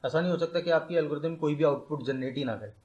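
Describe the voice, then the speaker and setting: A young man, a tutor, teaching computer science step by step, mixing English terms into his talk and slowing down to dictate definitions. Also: on the high side, a little mellow, highs cut off. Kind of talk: explaining a lecture.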